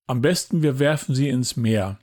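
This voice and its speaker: A man's voice: medium pitch, moderate pace, darkish tone, no echo, studio quality, lightly acted. A man voicing a grumbling male pirate sailor in a children's storybook reading. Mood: dismissive.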